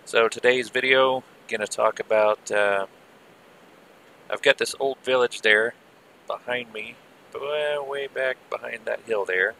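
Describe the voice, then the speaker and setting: A man giving casual, rambling live gameplay commentary with muttered asides, heard through low-quality stream audio from an old headset. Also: unhurried, vocal fry, bright, forceful tone, slight background noise. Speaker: game server streamer.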